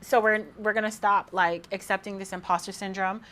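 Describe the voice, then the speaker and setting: A young woman hosting her podcast in a casual monologue, talking to listeners in an animated, encouraging way. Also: medium pitch, brisk. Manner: animated, encouraging, faith-filled pep talk. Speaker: podcast host.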